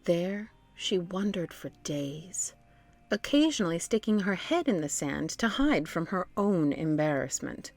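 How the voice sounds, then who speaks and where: A woman with a low voice narrates a children's storybook, expressive and deliberate in her storytelling.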